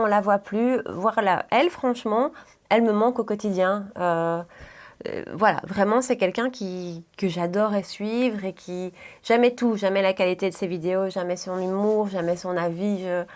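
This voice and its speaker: A young woman from the Brussels area with a Belgian French accent, chatting casually and filling pauses with "euh" and "voilà" while she does her makeup. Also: medium pitch. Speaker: beauty YouTuber.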